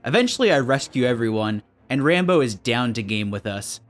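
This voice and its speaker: A man with a mid-range, lively voice speaks a little fast as he narrates a game video from a script. His delivery is dry, sarcastic, and mock-suspicious, with faint background music behind him.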